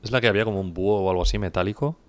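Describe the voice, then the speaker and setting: Spanish guy from spain, deep hoarse gravelly voice, cough-worn, just chatting on a podcast. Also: rapid-fire. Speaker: podcast co-host. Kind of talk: casual chat.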